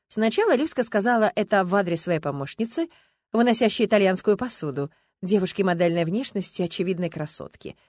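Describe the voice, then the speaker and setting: Expressive woman reading an audiobook. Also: mid-range voice, dry recording, clean studio sound. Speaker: audiobook narrator. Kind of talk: scripted narration.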